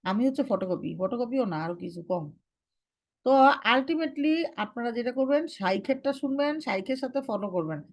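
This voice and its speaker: A young woman teaching recitation to a class, giving firm instructions and slowly modelling how each sound should be read. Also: a little high, lively intonation.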